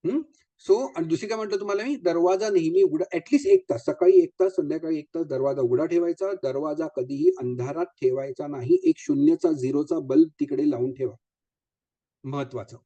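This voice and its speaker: A man talks to a live audience as a vastu consultant. He is chatty, slips English phrases in and keeps asking rhetorical questions. His voice sits a little high but sounds very dark and mellow, on a dull, lo-fi recording. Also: a little fast.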